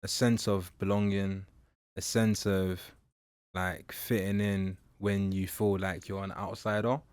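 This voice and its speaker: A young man born in Nigeria, a mentor and public speaker, telling his story in an interview in a halting, reflective way with many fillers. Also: deep voice, level tone, a little mellow, clear, resonant tone, no room sound. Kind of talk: candid personal interview.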